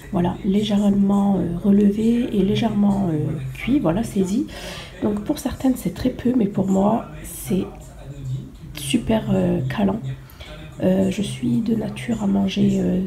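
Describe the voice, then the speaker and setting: A woman's voice: medium pitch, vocal fry. A woman chatting casually to her followers as a beauty and lifestyle vlogger. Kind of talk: casual vlog chat to followers.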